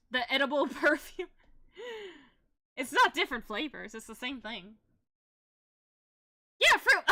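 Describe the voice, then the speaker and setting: A woman's voice: sits high, sharp tone. A young woman streaming as a VTuber, chatting casually while she paints, rambling and laughing often.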